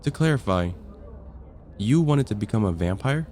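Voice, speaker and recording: A man voices a composed vampire counselor in an ASMR roleplay, speaking low, measured, and clinical like an official long in the job. His delivery is matter-of-fact yet animated, a little mellow and close to an everyday voice, with a puzzled, skeptical mood. Noticeable background noise runs underneath.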